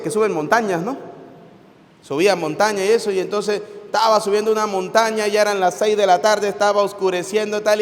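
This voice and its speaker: A man preaching a homily at mass, his voice sitting fairly high for a man. His delivery is animated, swinging from loud outbursts to hushed asides as he tells stories. The sound rings with a long church reverb. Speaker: priest.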